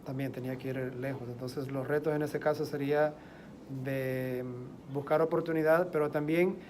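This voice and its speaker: Man, mid-pitched, thoughtful, pauses with eh, faint background noise. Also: fairly even intonation. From El Salvador. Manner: thoughtful, pausing with eh. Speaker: interviewee. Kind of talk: casual interview answers.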